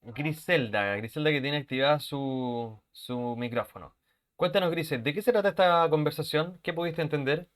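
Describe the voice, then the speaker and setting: Speaking at normal speed in a slightly high voice, a man holds a live online English class in a bedroom set up as an office. He greets students by name and keeps the conversation casual. A computer microphone on a video call records him.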